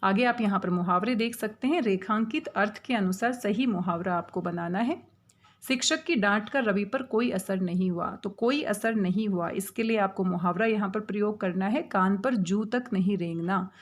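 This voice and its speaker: A woman's voice: medium pitch, normal speed. A woman teaching Hindi grammar to young students, explaining patiently, asking questions and answering them herself. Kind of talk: exam-prep grammar lesson.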